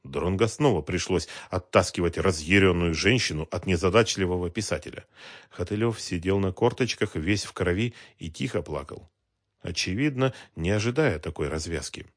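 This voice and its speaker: A man reading a crime novel aloud, with expressive, dramatic narration. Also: sits low, moderate pace, no echo, clean studio sound. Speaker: audiobook narrator. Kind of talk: scripted narration.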